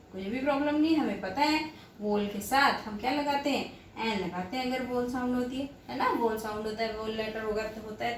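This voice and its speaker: Woman teacher, high voice, patient drilling, faint noise in an echoey room. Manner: asks and answers her own questions, repeats key points. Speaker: English teacher. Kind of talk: classroom grammar lesson.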